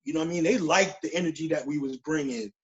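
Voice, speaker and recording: Speaking quickly in a slightly high voice, the forty-year-old drummer guest keeps the interview casual and slangy, frequently tossing in "you know what I'm saying." The call audio sounds dull and lo-fi.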